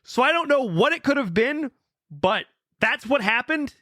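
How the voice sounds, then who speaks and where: Bright lively high-voiced guy rambling on a podcast, dry sound. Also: moderate pace, no echo. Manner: rambling, lots of fillers and swearing. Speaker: podcast host. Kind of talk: casual chat.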